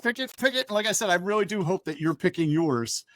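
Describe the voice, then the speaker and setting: A man with a high, slightly bright voice talks animatedly and a little fast, ranting and swearing with energy. He's a record store owner co-hosting a casual podcast from his shop.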